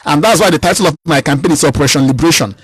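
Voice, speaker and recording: A Nigerian man in his thirties talks at a rapid clip, pressing his points hard and circling back over his own words. His voice sits high and has a slightly husky grain, recorded close and dry on a radio mic. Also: no room sound, poor audio. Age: 30s. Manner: emphatic, repeats and restarts phrases. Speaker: political candidate. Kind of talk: radio interview.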